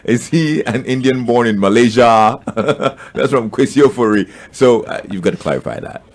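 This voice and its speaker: A man's voice: mid-range voice, lively intonation, normal speed. A man hosting a radio interview, asking questions and reading listener messages at a studio microphone. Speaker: radio host. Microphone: studio microphone on boom.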